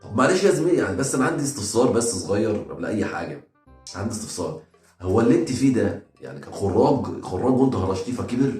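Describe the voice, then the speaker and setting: Egyptian male reaction comic, sarcastic rapid-fire delivery, roomy echo, music bed. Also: fairly low pitch, animated, a little mellow. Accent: Egyptian Arabic. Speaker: comedy reaction host.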